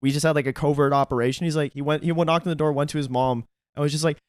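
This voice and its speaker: A young man co-hosting a podcast, chatting casually, quick to laugh and swearing freely. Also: on the high side, fairly even intonation, smooth, dry recording, studio quality. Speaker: podcast co-host. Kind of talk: casual chat.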